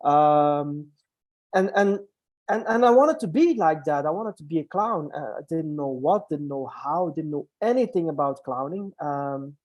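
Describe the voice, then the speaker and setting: A man's voice: on the high side, animated, unhurried, a little mellow. A middle-aged man from Belgium, a guest in an interview, speaking casually with frequent restarts. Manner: hesitant, many restarts and fillers, laughs easily. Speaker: guest, hospital clown and coach.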